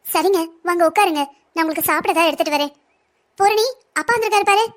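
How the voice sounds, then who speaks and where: A woman's voice: very high voice, quick pace. Woman voicing a worried, pleading mother. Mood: soothing. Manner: pleading, soothing. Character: worried middle-aged mother, gentle peacemaker. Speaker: mother of the heroine. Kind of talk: Tamil cartoon voice acting.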